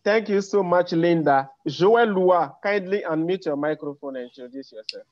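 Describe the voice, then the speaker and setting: A man with a somewhat high, animated voice hosts a webinar at normal speed, keeping a formal tone while often hesitating and repeating words. The video-call audio is dry and dull.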